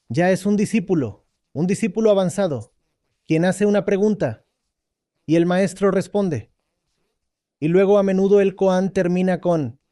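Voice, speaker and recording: A man giving a dubbed spiritual lecture as a teacher, speaking deliberately, repeating key points and checking that listeners follow. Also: high voice, mellow, clean tone, no echo, studio quality.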